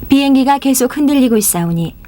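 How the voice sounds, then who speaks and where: A calm, formal flight attendant's voice comes over the cabin loudspeaker. It sounds set back from the listener and a little high, with a soft, mellow tone. The phrasing is polite and measured, the way a landing announcement should be. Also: female voice.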